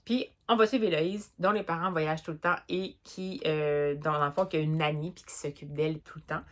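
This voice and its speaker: A young woman with a Québécois French accent, chatting casually about children's books in a lively vlog, with plenty of fillers and restarts. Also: low-pitched, fairly quick. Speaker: book vlogger. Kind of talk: casual book review vlog.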